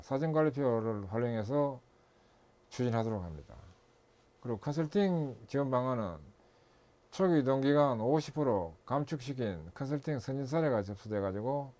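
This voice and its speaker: This middle-aged instructor and consultant speaks at a medium pitch with a darkish tone. Lecturing, he works through a list of steps in order and catches his own mistakes as he goes.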